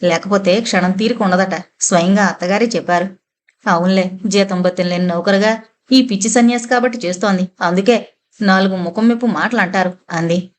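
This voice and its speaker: A woman narrates a novel for an audiobook. She reads the dialogue of every character without changing her own voice, at an ordinary middle pitch.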